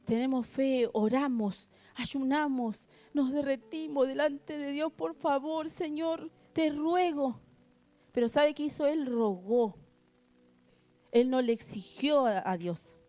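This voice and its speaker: A woman's voice: high voice, measured pace, mellow. A woman preaching a sermon, earnest, reading scripture and asking the congregation rhetorical questions. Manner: reads scripture aloud between remarks.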